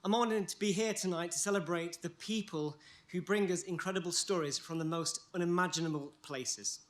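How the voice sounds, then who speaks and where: Male presenter, slightly high voice, formal scripted award speech. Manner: measured, formal delivery. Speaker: sponsor presenter. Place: stage at an awards ceremony.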